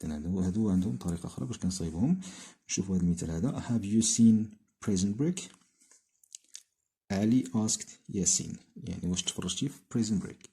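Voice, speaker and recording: Moroccan guy teaching english grammar, deep voice, reads examples real slow. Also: gravelly, dark tone. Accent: Moroccan Arabic. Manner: mixes Arabic with slowly read English examples. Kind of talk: explaining a grammar lesson.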